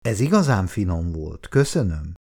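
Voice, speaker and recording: Narrator as a gentle coaxing boyfriend in a storybook, low voice, expressive. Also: male voice, heavily acted.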